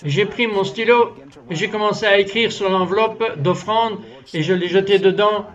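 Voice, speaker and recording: A man's voice: high-pitched, steady tone, moderate pace, a bit bright, highs cut off. A man giving a French voice-over of a guest's testimony, telling it earnestly and acting out its dialogue. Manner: earnest storytelling, acts out the dialogue of his story.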